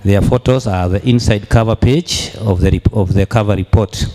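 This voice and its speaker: A man giving a formal financial report at a meeting as treasurer, deliberate and halting, repeating phrases as he goes. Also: lowish voice, mellow. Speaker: club treasurer presenting annual accounts.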